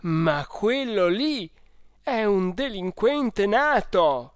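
A reader voicing an outraged fussy man, slow and loud. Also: mid-range voice, big pitch swings, dry recording, clean studio sound, voice pushed up. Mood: indignant. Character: indignant fussy grown man, outraged over his hat.

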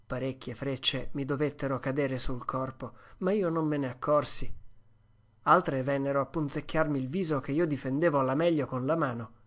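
A narrator giving a steady, expressive first-person reading of a classic adventure story as an audiobook. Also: mid-range voice, normal speed.

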